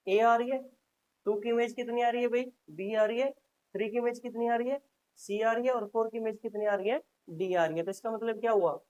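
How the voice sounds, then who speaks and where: A man teaches maths in a steady classroom-lecture manner. He drills each point by repeating it, poses questions to the class and then supplies the answers himself. Short prompts to the listeners punctuate his explanation. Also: sits high. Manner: repetitive, drilling, frequent "haan ji" prompts.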